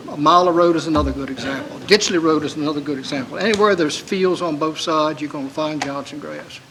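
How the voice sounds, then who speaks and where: A man's voice: on the high side, quick pace, a bit bright, slight background noise, low-quality recording. A man, a county supervisor pressing his point at a public meeting in an earnest, folksy way.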